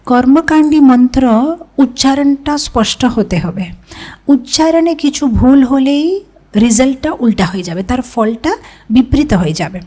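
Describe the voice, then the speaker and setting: A woman's voice: high-pitched, dark tone. Woman giving a devotional scripture talk. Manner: conversational storytelling, mixing in English words. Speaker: spiritual teacher.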